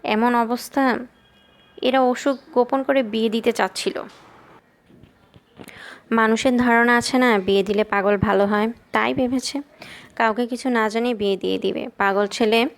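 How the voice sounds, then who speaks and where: A woman's voice: on the high side, gravelly. A woman reading the lines of an agitated, scolding middle-aged father in an audiobook. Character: worried middle-aged father, indignant and protective.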